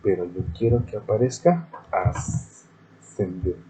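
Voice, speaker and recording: A man's voice: fairly low pitch, sing-song, slow pace, vocal fry, warm tone, low-quality recording. A male teacher giving a screen-recorded programming lesson, explaining methodically step by step.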